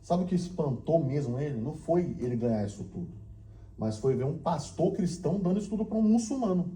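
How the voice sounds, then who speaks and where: Um pastor contando um testemunho na igreja, narrando com emoção e imitando as falas das pessoas da história, ora baixo, ora animado. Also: male voice, on the high side, a little fast, echoey room. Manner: storytelling, acting out dialogue, shifting from hushed to excited. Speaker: pastor and missionary. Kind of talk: testimony sermon. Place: church.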